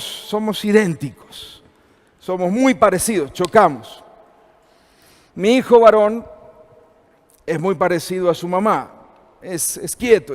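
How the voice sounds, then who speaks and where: Man, 50s, Argentine accent, church seminar teacher, conversational, long hall reverb. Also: high-pitched. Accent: Argentine Spanish. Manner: conversational, asks the audience questions.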